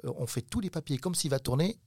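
A man's voice: fairly high pitch, lively intonation, fast talker, a little mellow, breathy edge, no echo. A middle-aged man from southwest France, a talent agent for children, talking casually in an interview with lots of fillers and restarts. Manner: hesitant, many fillers and restarts.

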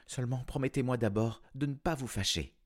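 A man voicing a fiery young princess in a children's storybook, high-pitched and shrill. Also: brisk, close to an everyday voice. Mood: confessing.

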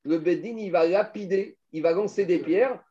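Male Talmud teacher, high mellow voice, questioning style, dull lo-fi recording. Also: normal speed. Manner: explains step by step, asks students questions. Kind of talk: Talmud class.

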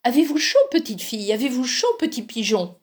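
A woman's voice: a little high, very animated, fairly quick, pitched above the performer's own voice. A woman voicing the frost as a teasing male spirit who asks sing-song questions.

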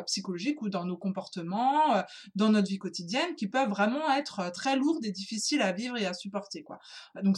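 A woman casually explaining wellness techniques in French, hesitant, with many fillers and restarts, speaking informally to the listener. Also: mid-range voice.

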